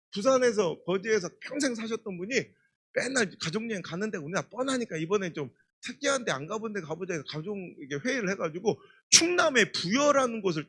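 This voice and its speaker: A middle-aged man preaching a revival sermon, telling stories in an emphatic, animated way. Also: high-pitched, slightly rough. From Chungcheong, Korea. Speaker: guest pastor.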